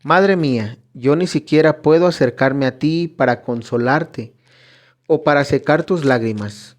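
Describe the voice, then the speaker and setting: Man reading a scared young visionary girl, slow and pleading, storybook narration. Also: on the high side, lightly acted.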